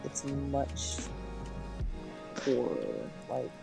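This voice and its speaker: A co-host chatting on a podcast call, halting and repeating words. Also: medium pitch, vocal fry, over music. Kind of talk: casual chat. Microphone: on a call from another room.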